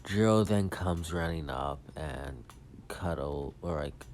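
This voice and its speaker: Slow rambling man telling a story. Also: extremely low pitch, a little mellow, a little hiss or hum. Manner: rambling, many fillers and self-corrections. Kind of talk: casual retelling of a fan story.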